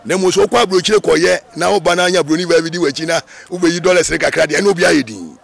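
A man from Ghana, a Rastafarian being interviewed, talking in an animated, emphatic way with many repetitions. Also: on the high side, very fast, creaky. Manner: animated, emphatic, with repetitions and sudden sung phrases. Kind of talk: casual interview talk.

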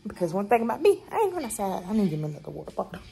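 This young woman's day-in-my-life vlog starts in her bedroom and later shifts to a car in heavy rain, all shot on a phone held close at arm's length. She talks rapid-fire in a gravelly, medium-pitched voice, rambling easily and addressing viewers as y'all, with background noise present.

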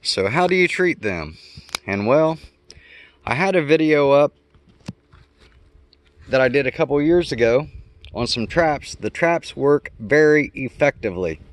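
A homestead vlogger walks around his garden yard giving an unscripted, casual explanation, thinking out loud and correcting himself along the way. His voice is on the high side and expressive, a little slow with frequent pauses, and there's no echo.

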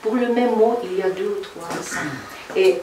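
A woman, a translator giving a halting reading talk full of fillers. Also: mid-range voice. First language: Russian. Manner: slow, halting, with many fillers. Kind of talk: reading talk with audience questions. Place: reverberant room in a château. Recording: echoey room, distant mic, faint noise.

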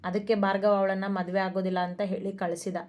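A woman's voice: mid-range voice, little pitch movement, fairly quick, darkish tone, lightly acted. A woman voicing an elderly grandmother who explains matters in a plain, disapproving way.

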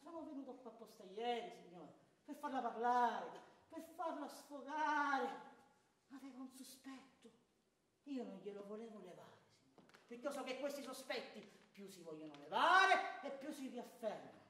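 Man as a proud, desperate betrayed husband, high bright stage voice, distant and echoey. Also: big pitch swings, moderate pace, exaggerated voice. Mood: bitter, pleading. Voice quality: theatrical, swings from hushed to shouting. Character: wronged middle-aged clerk Ciampa, bitter, proud, desperate. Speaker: amateur stage actor. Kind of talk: stage theatre performance. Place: theatre stage. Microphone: distant room mic.

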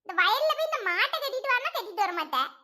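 A woman's voice: extremely high pitch, big pitch swings, quick pace, pushed and bright, heavily acted. A woman playing a fed-up village wife who scolds her husband. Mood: scolding. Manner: scolding, sarcastic. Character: nagging village wife, sharp-tongued and fed up.

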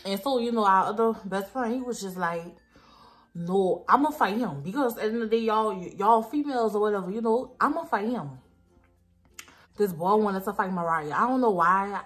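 A woman's voice: mid-range voice, fairly quick. Tipsy young woman, rambling. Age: young adult. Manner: slangy, profane, repeats herself. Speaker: makeup vlogger. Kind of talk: casual storytelling chat. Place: small dim room indoors. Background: faint music.

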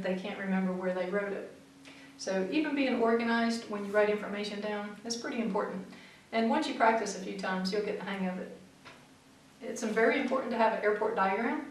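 A middle-aged woman flight instructor sits before a backdrop in a small studio, calmly and methodically giving clear, practical tips to camera. Her pitch is medium, with slight background noise. A far-off camera mic picks her up, making the room sound very echoey.

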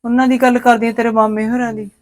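A woman's voice: fairly high pitch, little pitch movement, fast, close to an everyday voice. A woman with a Malwai Punjabi accent playing a worried, kindly village mother-in-law who consoles and quotes proverbs. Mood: sorrowful. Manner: grieving, consoling, proverb-quoting. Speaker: actor in a village short film. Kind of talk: village family drama.

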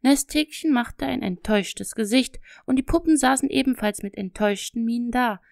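A woman narrating a children's storybook audiobook in a gentle, lively storytelling manner, close to the microphone. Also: on the high side, moderate pace, creaky, dry recording.

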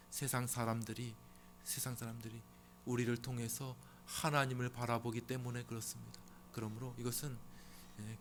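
A man's voice: medium pitch, a little hiss or hum. Emphatic man preaching a sermon. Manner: emphatic, acts out complaining churchgoers in a raised voice. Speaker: pastor. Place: church sanctuary.

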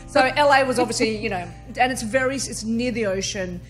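A woman in her forties from Vietnam, raised in Australia, chatting as a guest journalist in a casual, self-mocking way, laughing often, into a studio boom mic. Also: a little fast, a bit bright, soft background music. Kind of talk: casual interview chat. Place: studio with neon-lit backdrop. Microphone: studio mic on boom arm.

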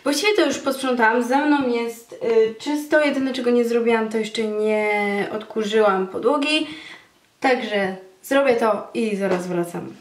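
A young woman chats to her camera at arm's length, joking about herself as she talks. Her voice sits a little high. The bedroom around her rings with a roomy echo. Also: a little slow. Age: young adult. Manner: chatty, self-mocking asides to camera. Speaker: vlogger. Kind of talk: casual vlog chat. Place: bedroom at home, indoors. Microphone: camera held at arm's length. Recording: echoey bedroom.

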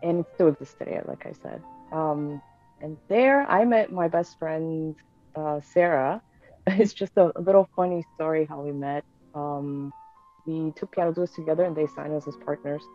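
A Bulgarian-born woman in her thirties, a guest pianist with a low voice, tells her story at normal speed in a casual interview, rambling comfortably with many fillers and restarts. She's in a room at home, and her video-call audio sounds thin and tinny, with faint music in the background.

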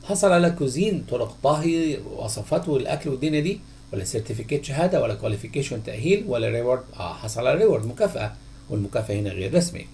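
Male Egyptian tutor, mid-pitched and gravelly, recorded over a faint hum. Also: lively intonation, darkish tone. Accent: Egyptian Arabic. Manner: questions the class, then answers himself in a drawn-out voice. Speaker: English teacher. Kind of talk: textbook answer walkthrough.

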